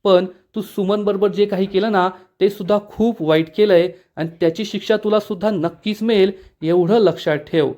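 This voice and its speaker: A man voicing a wronged middle-aged father who gravely warns the villain. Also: high-pitched, moderate pace, few pauses, warm tone, lightly acted. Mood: bitter. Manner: angry, grave. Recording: dull lo-fi recording.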